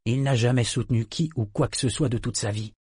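A man's voice: fairly quick, a little mellow, breathy edge, dry recording. A man plays a young sailor in a storybook reading, muttering a wry aside close to his own voice. The sound is dry and close. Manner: low confiding aside.

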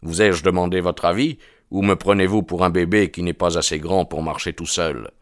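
A hot-tempered young stranger who refuses all advice, as a man reads him. He speaks deep and low with curt, growling defiance, recorded dry and close. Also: fairly even intonation, moderate pace, no echo, lightly acted. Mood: defiant.

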